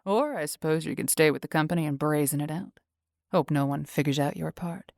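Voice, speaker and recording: A scornful, dismissive henchman, as a woman narrator reads him. The voice sits a little low and sounds close and dry, with no room around it. He talks bluntly, like someone who doesn't trust anyone. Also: fairly quick, gravelly, darkish tone, no echo. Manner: sneering, dismissive.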